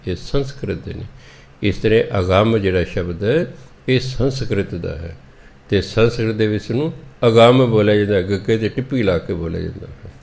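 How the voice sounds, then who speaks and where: A man preaching on scripture, going verse by verse and spelling out words letter by letter in a deliberate, instructive way. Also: on the low side, creaky. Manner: deliberate, instructive tone with gentle appeals to listeners. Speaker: Sikh preacher explaining scripture. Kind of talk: slow scripture exposition.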